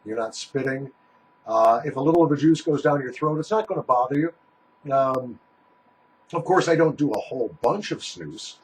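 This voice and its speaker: A man's voice: medium pitch, lively intonation, moderate pace, a little hiss or hum, rough recording. A man giving a casual, rambling product review in a folksy, conversational way, talking with a small pouch tucked in his lip.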